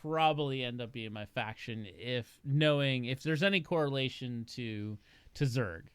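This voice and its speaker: A man co-hosting a podcast, chatting in a relaxed, hesitant way and often repeating himself. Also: medium pitch, normal speed, clear, resonant tone, no echo. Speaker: podcast co-host. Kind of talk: casual chat.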